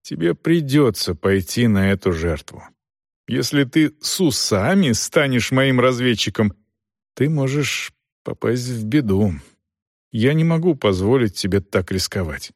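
In an audiobook, a man plays an older father who stays measured and firm. His voice moves with lively intonation. The recording is dry and close to the mic. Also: mid-range voice, no echo. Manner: measured, persuasive. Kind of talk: audiobook reading.

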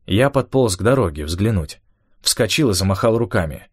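A man narrating an audiobook in a steady, measured first-person storytelling manner. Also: fairly low pitch, husky, no room sound, studio quality.

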